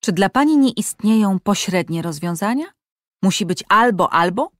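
A woman's voice: mid-range voice, animated, normal speed, dry recording, studio quality, close to an everyday voice. A woman voicing an indignant man who lectures heatedly in an audiobook. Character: indignant man, a doctor outraged at privilege.

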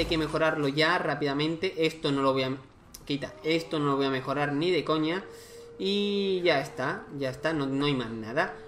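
A man's voice: fairly high pitch, fairly bright tone, a little hiss or hum. A man giving casual let's-play commentary, thinking aloud and exclaiming as he plays a strategy game. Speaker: gaming YouTuber.

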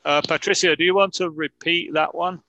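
A man teaching English grammar in Spanish to students on a video call, slowly repeating example sentences to model pronunciation. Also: fairly high pitch, fairly even intonation, bright, forceful tone, muffled recording, a little hiss or hum. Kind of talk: online class explaining grammar.

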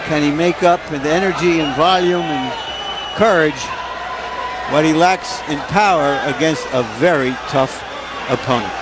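A man giving emphatic, deliberate ringside analysis on a boxing broadcast. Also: a little high, background noise. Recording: music and crowd behind voice. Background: arena crowd and music.

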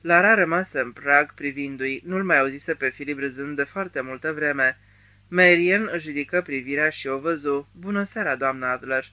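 A man narrating an audiobook in a measured storytelling manner. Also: on the high side, no room sound, phone-quality sound. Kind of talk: scripted narration.

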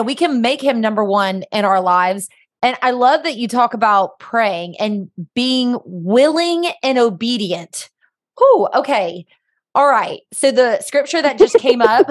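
Higher-voiced woman hosting a faith show, upbeat, kind of preachy. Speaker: podcast host.

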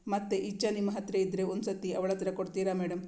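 A woman voicing an anxious young man pleading with the girl he loves, in a flat, even storybook reading. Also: mid-range voice, quick pace, close to an everyday voice. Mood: eager. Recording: roomy echo.

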